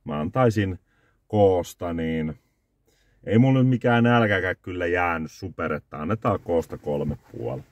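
A man's voice: deep voice, no echo. A man, reviewing a restaurant from a parked car, rambling and correcting himself as he hands out scores. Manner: rambling, self-correcting, scoring dishes out of five. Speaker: food reviewer vlogger. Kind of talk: casual review vlog. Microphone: phone camera on the dashboard.

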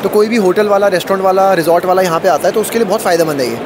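Talking very fast in a high voice, a thirtysomething food company representative walks through his products during a trade fair interview. The interviewer holds the handheld mic, and the busy expo hall is loud in the background.

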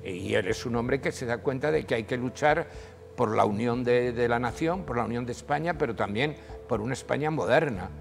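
An older man with a raspy voice narrates history as a guest historian in a TV studio discussion, speaking briskly into a lapel mic. His storytelling is animated, his pitch climbing whenever he stresses a point. The recording has a big-room sound with soft music underneath.

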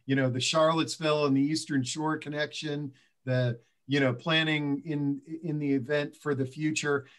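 A middle-aged man hosting a live online discussion, halting and filled with ums as he introduces guests. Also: on the high side, little pitch movement. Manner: halting, filler-heavy, gestures with both hands. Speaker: host and moderator. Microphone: headset on a video call.

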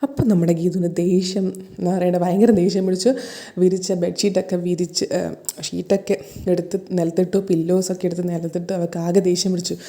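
A woman's voice: fairly low pitch, little pitch movement, quick pace, dark tone. A woman casually retelling a TV serial episode, chaining events together with repeated 'and then'. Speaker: serial recap host.

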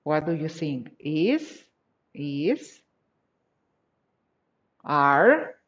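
A woman's voice: sits low, sing-song, extremely slow. A woman English teacher from Mexico, checking answers in an online class with patient, repeated praise. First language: Spanish. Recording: dull lo-fi video call audio.

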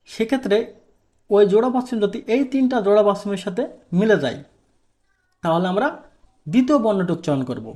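A man's voice: high-pitched, mellow. A man from Bangladesh teaching a language lesson, asking questions and answering them himself, repeating the key points. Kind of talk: explaining a lesson.

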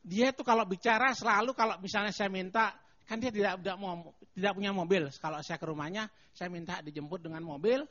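An older man performing a stand-up comedy routine on a TV studio stage into a handheld mic, animated and chanting mock announcements. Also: high-pitched, a little fast. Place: TV studio stage with live audience. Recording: dull lo-fi TV broadcast.

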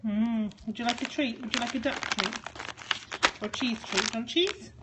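Heavy background noise surrounds a woman whose voice is on the high side and whose pace is normal. Filming an unboxing at home, she talks casually to her dogs in a lilting, coaxing way.

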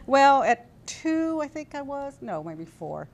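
This guest is a Californian woman in her sixties with an American accent, recalling the past in a relaxed, hesitant way during a studio interview. Her voice is high and sing-song, and she talks slowly. She sits at a desk in a TV studio, picked up by a lapel mic.

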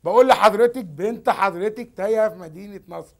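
A man's voice: high voice, fast talker, gravelly. A man with an Egyptian accent in a shopping mall, caught in a hidden camera prank, trying to soothe and insisting with growing frustration. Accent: Egyptian Arabic. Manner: soothing then increasingly frustrated, repetitive. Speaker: passer-by, prank target.

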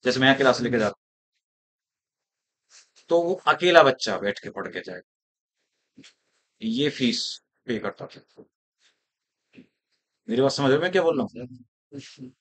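A man's voice: medium pitch, expressive, slow pace, long pauses, a bit bright. A male teacher giving a classroom lecture, talking in a rhetorical way and often checking whether his students follow him.

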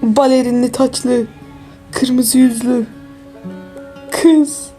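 A woman's voice: high voice, steady tone, drawn-out words, warm tone, soft background music. A woman voicing an overwrought soap-opera lover who weeps and pleads during a staged rain scene in her game. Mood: melodramatic. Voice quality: tearful and overwrought.

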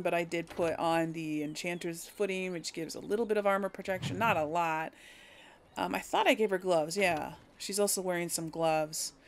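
Thinking out loud as she plays, this woman gives casual, hesitant let's play commentary, deliberating over each move. She has a gravelly voice of fairly low pitch.

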